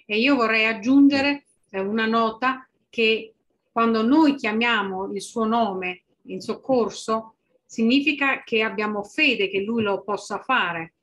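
A woman's voice: a little high, slow, fairly bright tone, dull audio. Woman interpreting a sermon, phrase by phrase. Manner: translates phrase by phrase, with small restarts.

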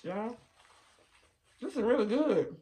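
A woman's voice: on the high side, expressive, takes it slowly, warm tone. A woman in her thirties chatting casually to viewers while chewing a mouthful of food, laid-back and easygoing. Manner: laid-back, talks straight to viewers with little laughs. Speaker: mukbang vlogger. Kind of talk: casual chat while eating.

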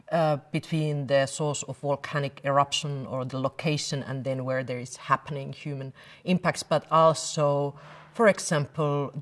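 A middle-aged woman researcher speaking in a documentary interview, hesitant and full of fillers. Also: sits low. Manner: hesitant, with many filler sounds.

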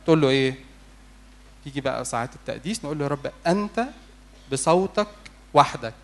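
A man's voice: mid-range voice, lively intonation, fast, fairly bright tone. A man with an Egyptian Arabic accent, a priest preaching a sermon in church, pleading and putting rhetorical questions to his listeners. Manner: urgent, pleading, asks the congregation rhetorical questions.

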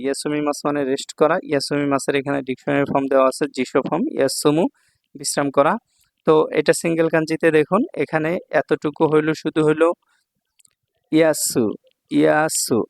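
A man's voice: fairly high pitch, creaky, dry recording. A man teaching Japanese kanji in a recorded online lesson, explaining each word patiently and checking in often. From Bangladesh. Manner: patient, repeats words and checks with "thik ache".

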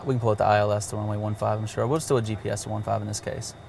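Gravelly and lowish, his voice races along at a very fast clip in a level tone, with background noise behind it. He's an avionics demonstrator going through a cockpit navigation system one step at a time, casual and plain, dropping in the odd filler.

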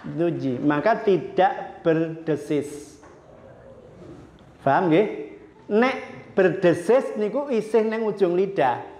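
A man's voice: sits high, animated, slow, long pauses, warm tone. A man with a Javanese accent teaching Quran pronunciation, drilling syllables and verses over and over, mixing Indonesian with polite Javanese. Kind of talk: tajwid pronunciation lesson. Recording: echoey hall, dull lo-fi sound.

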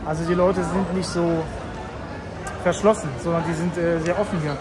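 A man's voice: a little high, little pitch movement, moderate pace, over a noisy crowd. A man in his thirties from Tajikistan, chatting casually to viewers as he walks through a city square and station at night, with the camera held at arm's length. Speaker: vlogger. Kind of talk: street walking vlog commentary. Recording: loud city street noise.

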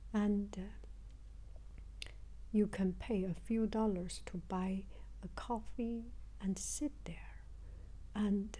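This travel vlogger is an older woman whose reflective narration comes out breathy and whispery, halting as she repeats phrases to find her words. The pitch is medium and the tone mellow, but the recording is rough.

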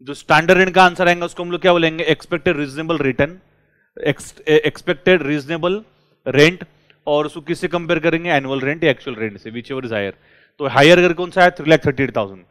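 A male teacher runs a lively lecture, firing questions at his class. His voice sits a little high and comes across clean and resonant. The recording is dry and close. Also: fairly quick, clean tone, no echo. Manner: lively, drills students with repeated questions.

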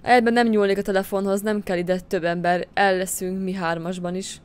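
A woman's voice: mid-range voice, flat delivery, clean tone, lightly acted. A woman reading pushy drunk street guys. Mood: leering. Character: two drunk young men, leering and pushy. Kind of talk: reading game dialogue aloud.

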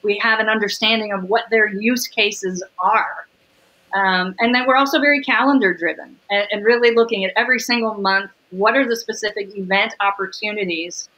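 A middle-aged woman talking upbeat and fast on a video call, laughing easily as she explains her business. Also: mid-range voice, steady tone, pushed and bright, rough recording. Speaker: catering sales executive, guest. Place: home room with windows.

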